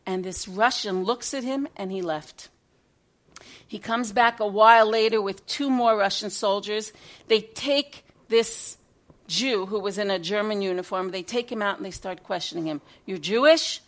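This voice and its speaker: A woman teaching through a dramatic story, her voice swinging between loud bursts and hushed passages. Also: mid-range voice, normal speed.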